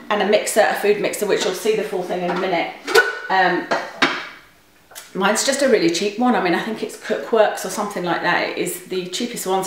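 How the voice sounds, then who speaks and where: A woman's voice: medium pitch, heavy background noise. A British woman chatting through a recipe in her home kitchen, her voice carrying a heavy room echo, with a rambling manner and plenty of ums. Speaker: cooking vlogger. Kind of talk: casual recipe demonstration. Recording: very echoey kitchen recording.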